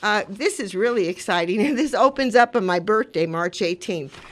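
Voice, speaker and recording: Een vrouw van in de tachtig, die als radiopresentatrice mededelingen doet en er oprecht en uitweidend bij praat. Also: female voice, medium pitch, lively intonation, normal speed, a little hiss or hum. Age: 80s. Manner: earnest, rambling, conversational. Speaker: community radio host. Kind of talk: casual radio talk with announcements.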